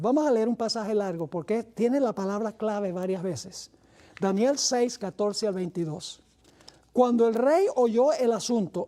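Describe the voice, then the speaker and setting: Mellow-voiced pastor reading scripture slowly. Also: male voice. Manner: slows and rises in pitch to stress key words; earnest teaching tone with asides to listeners.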